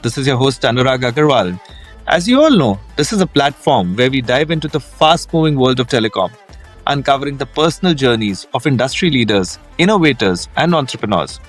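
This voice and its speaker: A man hosting a podcast, reading a formal scripted introduction and then asking his guest questions in a measured, welcoming way. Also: mid-range voice, sing-song, soft background music. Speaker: podcast host.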